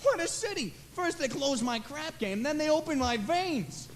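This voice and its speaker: A teenage boy playing a smooth-talking young gambler in a school musical, coaxing and slangy. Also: very high voice, expressive, moderate pace, a little hiss or hum. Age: teens. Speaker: student actor in a school musical. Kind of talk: stage musical acting. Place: school auditorium stage.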